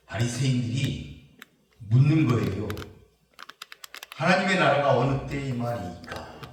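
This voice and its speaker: A man's voice: fairly low pitch, a little hiss or hum. A man preaching a sermon as pastor, explaining scripture passage by passage and voicing his listeners' mocking questions. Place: prayer retreat church. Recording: very echoey church hall, mic at a distance.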